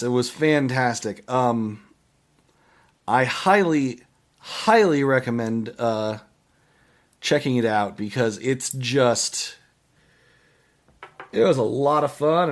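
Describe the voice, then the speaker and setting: On his podcast, a man reviews movies casually but haltingly, frequently starting over and drifting off partway through phrases. He has a mid-range voice.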